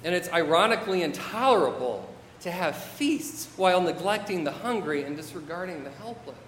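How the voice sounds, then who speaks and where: A man's voice: sits high, a bit bright, slight background noise. A man preaching a sermon, reading scripture and adding wry, modern asides. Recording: echoey hall with long reverb, faint ambience.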